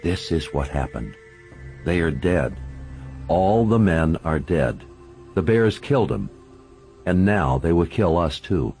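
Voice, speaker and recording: A man's voice: low-pitched, animated, takes it slowly, pauses often, darkish tone, faint music behind, poor audio. A man reading a first-person story aloud as an intense, dramatic narration.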